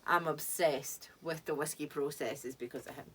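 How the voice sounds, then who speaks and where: A woman's voice: sits low, moderate pace, a bit bright, slightly rough. A woman in casual, effusive chat, telling anecdotes in a talkative way. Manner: effusive, chatty. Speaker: distillery tour guide and podcast co-host. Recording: distant mic, noisy room ambience.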